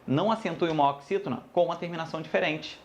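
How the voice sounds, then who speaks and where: A man's voice: fairly high pitch, rapid-fire, a little hiss or hum. A man teaching a grammar lesson, addressing students casually and repeating each rule. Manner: lively, addresses students as "galera", repeats rules.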